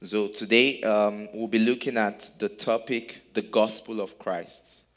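Guy from nigeria giving a sermon in english, low voice, slow, short bits with pauses for the translator. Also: steady tone. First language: not German. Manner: speaks in short phrases, pausing for the interpreter. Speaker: preacher. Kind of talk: sermon in English with live interpretation.

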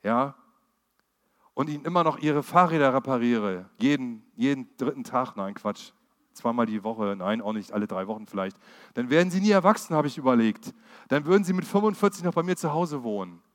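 Middle-aged guy preaching, chatty and direct, gets loud then drops quiet, long echoey church hall. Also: mid-range voice, animated, a little fast. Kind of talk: sermon. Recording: long reverb of a large hall.

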